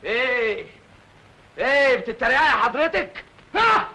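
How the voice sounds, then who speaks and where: High-voiced, blustering Egyptian drunkard. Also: male voice, big pitch swings, moderate pace, pushed and bright, husky, full character voice, low-quality recording. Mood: mocking, boastful. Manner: theatrical, boastful. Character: blustering, jittery drunken man desperate to prove his bravery. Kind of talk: classic Egyptian film comedy acting.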